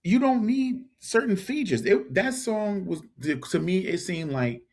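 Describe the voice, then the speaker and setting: Male podcast co-host, fairly high and raspy, blunt and emphatic. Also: very animated, measured pace, a little mellow. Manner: blunt, emphatic opinions with repeated phrases. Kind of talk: casual chat.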